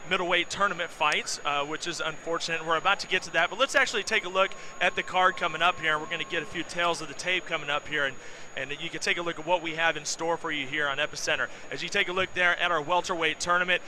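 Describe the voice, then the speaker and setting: High-voiced American male fight commentator. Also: steady tone, quick pace, pushed and bright, a little hiss or hum, rough recording. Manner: enthusiastic, emphatic, keeps handing over to co-commentators. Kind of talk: live sports broadcast commentary.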